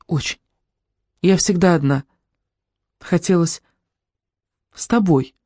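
A shy, lonely schoolgirl speaks softly and haltingly, as a reader puts her on in a storybook reading. She sounds tearful and withdrawn. The recording is dry and close. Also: mid-range voice, no echo. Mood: timid. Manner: hushed, halting. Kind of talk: audiobook character reading.

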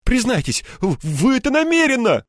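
A jealous, absent-minded male scientist, as a narrator puts him on, speaking in indignant, stammering outbursts that run high above the narrator's usual voice. It is audiobook dialogue with a dry, close sound. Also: sing-song, moderate pace, dry recording. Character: flustered, jealous male scientist with a thin beard.

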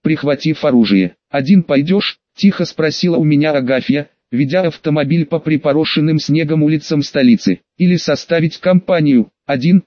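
A man narrating a fantasy audiobook, reading every character in one steady voice. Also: a little high, dry recording, lo-fi sound.

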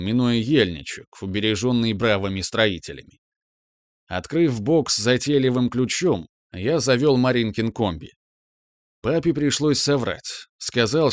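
A man narrating a novel in the first person, his voice at an ordinary pitch. His delivery is wry and inward, set close to the mic in a dead-dry booth with no room sound at all. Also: no echo. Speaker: audiobook narrator.

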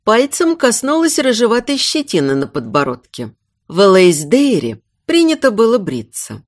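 A woman narrating a scripted audiobook in an expressive, measured reading. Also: mid-range voice, no room sound, clean studio sound.

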